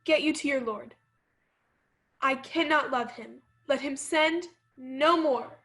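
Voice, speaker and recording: A woman's voice: high voice, slow, fairly bright tone, heavily acted. A woman acting a proud young countess, speaking Shakespearean lines in an arch, teasing way. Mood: cool. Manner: arch, teasing verse delivery. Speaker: actor.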